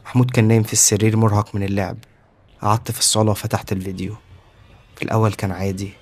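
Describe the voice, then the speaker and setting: A man with an Egyptian accent narrates a scripted horror story in a hushed, suspenseful way. His voice sits low and the telling moves quickly. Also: breathy edge. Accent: Egyptian Arabic.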